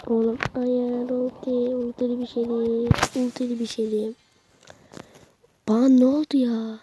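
A woman giving live commentary while playing a video game, excitable and urging her teammates on with slangy shouts. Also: on the high side, normal speed. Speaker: gaming channel host. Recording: clear background noise and game clicks.

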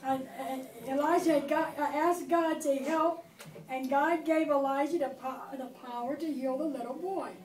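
In an echoey church classroom recorded from a distance by a far camera, a middle-aged woman reads a Bible story to preschool children, prompting them to join in. She has a high voice with a steady tone at normal speed.

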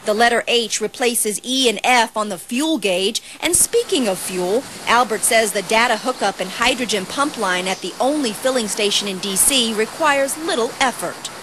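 A woman TV reporter reading a scripted news feature voice-over in a polished, even delivery. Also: on the high side, normal speed, few pauses, background noise. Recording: voice-over with music bed.

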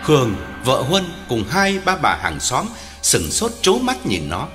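A man's voice: wildly swooping pitch, unhurried, a bit bright. Dramatic male ghost-story narrator. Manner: dramatic, highly varied intonation. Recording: long hall reverb, music underneath.

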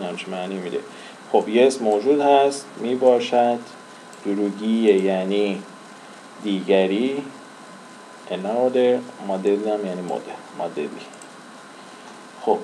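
A man's voice: lowish voice, warm tone, a little hiss or hum, low-quality recording. A man teaching a language lesson in casual Persian-language style, repeating and drawling example words as he writes.

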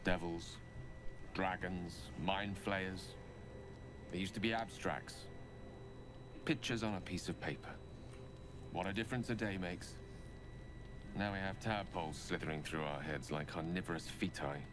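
An actor playing an eloquent young male wizard in a video game, speaking in a measured, theatrical way. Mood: wry. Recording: game audio under rumble noise.

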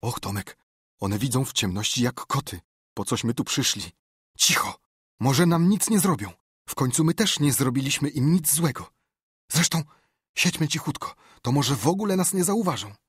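A man's voice: on the low side, moderate pace, a bit bright, husky, no room sound, studio quality. A man voicing a frightened boy who whispers in panic in a graveyard. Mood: terrified.

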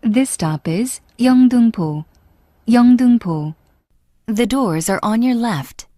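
A woman reading scripted subway stop announcements, formal and deliberate, with clearly separated phrases. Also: on the high side, expressive, mellow, no echo, clean studio sound. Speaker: English-language subway announcer.

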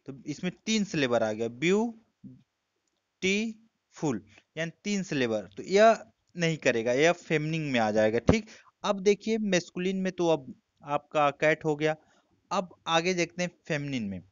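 A man with an Indian accent gives an exam-prep lesson in a smooth, resonant voice with a slightly raised pitch. He explains step by step and slows down for quoted lines. The sound is dry and a little muffled. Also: lively intonation, no room sound. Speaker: teacher.

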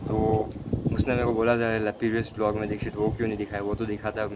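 Young man rambling over loud wind. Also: fairly low pitch, completely flat delivery, fast talker. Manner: rambling, self-critical, mixing English into Hindi. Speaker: vlogger. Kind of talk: casual vlog chat. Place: outdoors by a road, wind blowing. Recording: loud wind and street noise.

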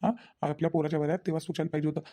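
A stern cartoon father-in-law rattles off his scolding at great speed, played by a man. His voice is dark and mellow, and he lectures and reproaches the others. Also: a little high, flat delivery, racing. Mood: lecturing. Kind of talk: cartoon voice acting.

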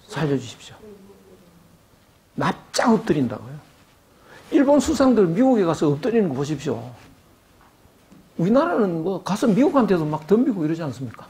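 A man's voice: a little high, sing-song, brisk, mellow. An older man giving an academic lecture, asking rhetorical questions and acting out quoted voices.

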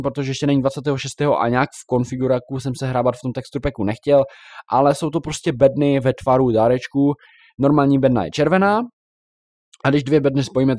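A young man giving casual, chatty commentary while showing a game, now and then reacting loudly to in-game creatures. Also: mid-range voice, no echo, clean studio sound. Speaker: Minecraft YouTuber.

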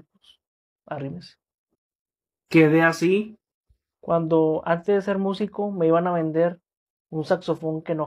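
A man's voice: a little high, darkish tone, lo-fi sound. A young Mexican man with a Mexican accent, a vlogger and musician talking in casual comedic sketches, full of slang and jokes. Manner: slangy, joking, mock voices in quotes.

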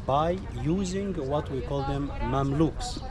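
A man's voice: a little high, takes it slowly. A man in his thirties from Egypt with an Egyptian accent, a tour guide patiently explaining history and repeating key words. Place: sunny outdoor courtyard by a mosque. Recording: outdoor street noise behind.

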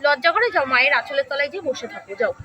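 A woman's voice: high voice, lively intonation, racing, highs cut off. A woman playing a frustrated new bride who scolds her naive husband in a comic sketch. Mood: exasperated. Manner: exasperated, scolding. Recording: distant mic, faint noise.

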